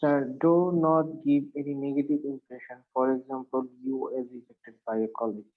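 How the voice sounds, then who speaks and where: A man, an IELTS student who answers his tutor respectfully and reads prompts haltingly. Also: mid-range voice. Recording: tinny phone-like line.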